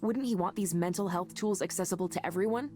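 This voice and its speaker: In a visual novel game, a woman lightly acts an earnest, idealistic tech worker defending her mental-health work, pleading in an impassioned, conversational way. Her voice is lowish, fast, and dark, with music playing behind it.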